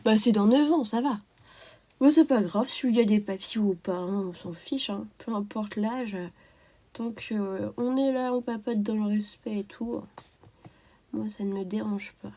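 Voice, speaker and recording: Young female streamer, congested from a cold, chatty and friendly with her chat, relaxed at-home vibe. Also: medium pitch, unhurried. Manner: chatty, greets and thanks viewers by name. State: stuffy nose, sniffling from a cold. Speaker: live streamer. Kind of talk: casual live-stream chat with viewers. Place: at home while colouring.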